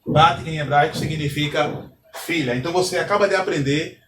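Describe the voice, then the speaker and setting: A man's voice: on the high side, a little fast, background noise. A man teaching a recorded language lesson, patient and methodical, repeating key points and putting questions to the class. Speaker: Hebrew teacher. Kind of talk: recorded lesson, explaining step by step. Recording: echoey room, distant from mic.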